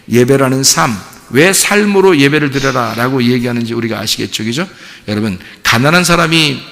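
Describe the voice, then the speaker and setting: A man's voice: mid-range voice, vocal fry, fairly bright tone, long reverb tail. A male pastor giving a conversational sermon, acting out little dialogues with God in different voices. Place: church sanctuary.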